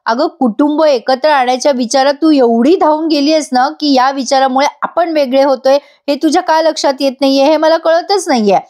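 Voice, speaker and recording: An upset young husband pleads and snaps in exasperated bursts, as a woman reads his part. The voice sits rather high. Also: moderate pace, hardly any pauses, a little mellow, natural voice. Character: angry hurt young husband.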